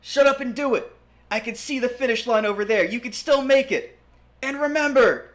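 A young man voicing a brash young male hero, yelling melodramatically. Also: on the high side, takes it slowly. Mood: shouting.

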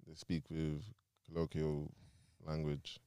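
A man's voice: a bass voice, completely flat delivery, slow pace, dark tone, smooth, dry recording, clean studio sound. A young man, talking casually in a group discussion.

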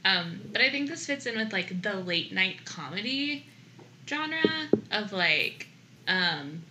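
A woman's voice: mid-range voice, very animated, slow, heavy background noise. A young woman co-hosting a podcast, chatting casually about a movie with lots of filler words. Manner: chatty, many "like" fillers, laughs often. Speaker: podcast co-host.

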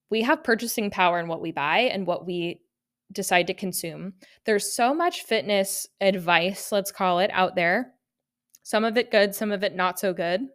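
A woman's voice: lowish voice, a bit bright, smooth. A young woman hosting her own podcast alone, talking in an earnest, reflective and upbeat way. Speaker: podcast host. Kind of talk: solo podcast monologue.

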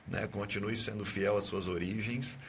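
A man's voice: fairly low pitch, fairly even intonation, normal speed, a little hiss or hum. A man, a pastor hosting a religious radio call-in, affirming and exhorting his caller. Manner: affirming, exhorting, often adds "né?".

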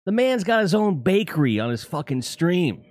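A man's voice: high-pitched, very animated, moderate pace, darkish tone, dry recording, studio quality. A middle-aged man hosting his own livestream in a casual chat. He talks to viewers in a profane, rambling way and corrects himself often. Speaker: livestream host.

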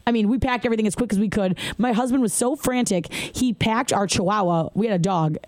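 A woman's voice: medium pitch, a little fast, a little mellow, dry recording. A woman hosting her own podcast, chatting candidly and laughing now and then as she tells a personal story. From Michigan. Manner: chatty, candid, laughs while telling stories. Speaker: podcast host.

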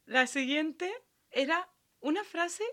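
Bright, animated young woman chatting. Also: sits high, slow pace. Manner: animated, acts out teachers' phrases, slangy. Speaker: podcast co-host. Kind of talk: casual chat.

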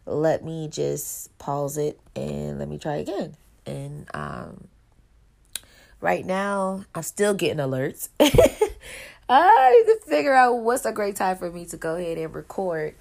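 Woman in her thirties, solo podcast host, congested nasal voice, gravelly edge, chatty and rambling. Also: sits low, big pitch swings, measured pace, darkish tone. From Buffalo, New York. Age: 30s. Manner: chatty, rambling, laughs often. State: congested, talking through her nose. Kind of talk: casual solo podcast monologue.

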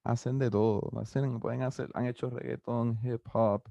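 A young man of twenty with a Puerto Rican Spanish accent, a musician answering interview questions in a relaxed, rambling way with many fillers. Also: medium pitch, normal speed, gravelly, no echo, dull audio. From Puerto Rico. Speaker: musician guest. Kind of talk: casual interview, mixing Spanish and English.

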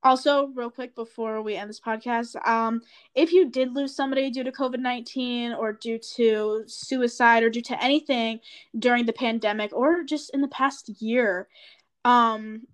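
Bubbly high-voiced teen girl podcaster. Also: fairly even intonation, moderate pace. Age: teens. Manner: bubbly, chatty, earnest encouragement. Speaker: podcast co-host. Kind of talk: casual podcast chat.

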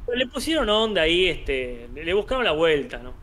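A man's voice: a little high, very animated, fairly quick, pushed and bright. A man with an Argentine accent, co-hosting a podcast in a casual, joking chat. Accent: Argentine Spanish. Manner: chatty, joking, often uses filler 'este'. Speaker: podcast co-host.

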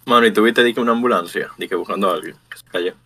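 A man's voice: fairly low pitch, rapid-fire, pushed and bright, breathy edge. A young man with a Dominican accent chatting casually with friends in slangy speech. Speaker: podcast co-host.

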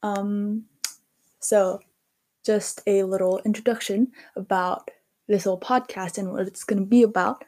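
A woman's voice: medium pitch, steady tone, measured pace, darkish tone. A teenage girl from Korea hosting her own podcast, talking casually with many fillers and small laughs. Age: teens. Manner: chatty, lots of fillers like "um" and "like". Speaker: podcast host. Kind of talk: casual solo podcast monologue.

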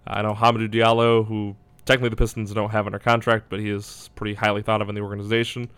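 Casual male sports analyst, low and flat delivery, clean dry sound, works out his thoughts as he speaks. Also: fast, clean tone, dry recording. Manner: hedging, thinking aloud. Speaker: basketball draft analyst.

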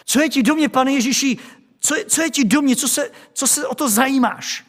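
A man's voice: very high-pitched, big-room sound, voice pushed up. A preacher voicing a whiny, aggrieved man who complains about being disturbed, protesting again and again. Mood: whiny indignant.

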